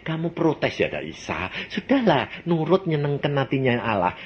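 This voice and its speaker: An elderly man in his eighties with a Javanese accent preaches, his voice leaping up and down in pitch as he tells stories and acts out conversations. The recording is dull and lo-fi, with a faint hiss underneath. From Central Java, Indonesia. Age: 80s. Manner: storytelling, acts out dialogue, sound-effect words. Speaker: evangelist preacher. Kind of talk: sermon.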